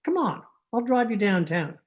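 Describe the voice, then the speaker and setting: Lady doing a veteran doctor from radio comedy, droll and wordy, dry sarcasm, middling pitch. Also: big pitch swings, moderate pace, dull audio, close to an everyday voice. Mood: wry. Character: droll, wisecracking veteran family doctor, unflappable. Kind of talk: old-time radio comedy acting. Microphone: video call microphone.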